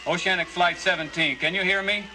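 An actor playing a control tower operator, calling a plane over a radio with calm, formal call procedure. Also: male voice, sits high, a little fast. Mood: formal, steady. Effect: heard over a radio. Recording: loud noisy old TV soundtrack.

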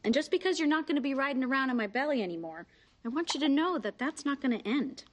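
A woman's voice: high-pitched, expressive, fast talker. An actress playing an offbeat, devoted sitcom woman, earnest and quirkily playful. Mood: tender, playful. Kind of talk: sitcom acting, heartfelt comic speech.

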